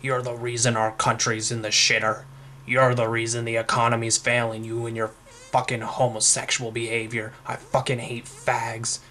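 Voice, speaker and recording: A young man retelling and voicing a hateful redneck man who rants loudly and curses. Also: mid-range voice, monotone, moderate pace, slight background noise, close to an everyday voice. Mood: furious. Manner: loud, hateful cursing rant.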